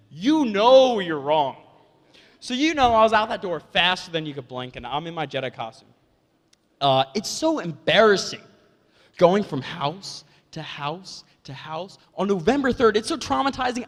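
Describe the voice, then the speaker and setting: A young man doing a stand-up comedy set, telling a story with animated energy and acting out the other people in it. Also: high voice. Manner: animated storytelling, acts out voices. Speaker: stand-up comic. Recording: reverberant hall.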